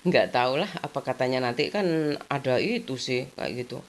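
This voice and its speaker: A woman's voice: very deep voice, animated, moderate pace. Chatty woman vlogger. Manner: chatty, rambling, repeats fillers. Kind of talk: casual chat.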